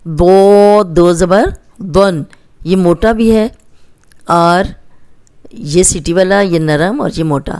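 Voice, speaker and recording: A woman teaching Quranic letter pronunciation, slowly spelling out sounds and repeating each one patiently. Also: on the low side, darkish tone. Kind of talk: slow spelled-out phonics lesson.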